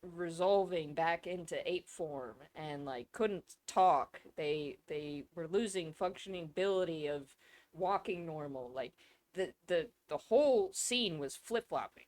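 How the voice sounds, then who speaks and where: A woman co-hosting a casual podcast, rambling and excitable, swearing freely. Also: low voice, measured pace. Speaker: podcast co-host. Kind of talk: casual chat.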